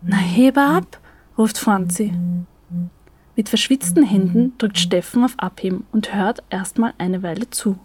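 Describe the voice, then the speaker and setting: A woman narrating an audio story in a lively, expressive way. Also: mid-range voice, measured pace, husky.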